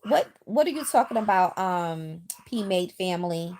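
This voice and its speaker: Her voice sits on the low side and moves at a moderate pace. She's a Bronx native in middle age who has settled in the South, so her New York accent carries some Southern twang. Talking straight to her livestream viewers over a phone mic, she's chatty and lively and reads out their comments.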